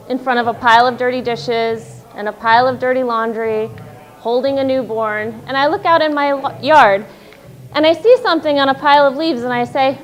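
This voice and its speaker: On stage at a live storytelling night, a woman in her thirties tells a wry, self-deprecating story loudly. Her voice sits high.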